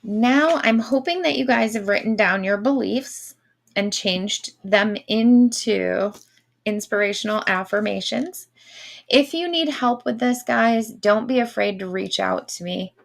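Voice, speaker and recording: Slow-talking coaching woman with vocal fry. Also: mid-range voice. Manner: encouraging. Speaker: online manifestation coach. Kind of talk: casual instruction to a live online group.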